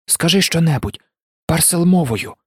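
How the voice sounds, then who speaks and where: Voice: mid-range voice, lively intonation, normal speed, slightly rough, no echo, studio quality. A narrator voicing a loyal young male wizard who speaks bluntly.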